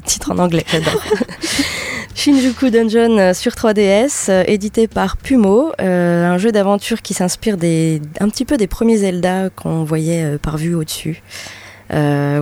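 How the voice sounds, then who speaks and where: Woman radio host, mellow tone, chatty and giggly, lots of "euh". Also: medium pitch. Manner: chatty, laughs often, many fillers. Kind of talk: casual radio chat. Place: radio studio.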